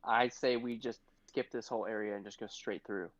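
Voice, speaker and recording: A man's voice: on the low side, fairly even intonation, a little fast, no echo, lo-fi sound. A man playing a tabletop game, casually asking lots of questions. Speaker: player.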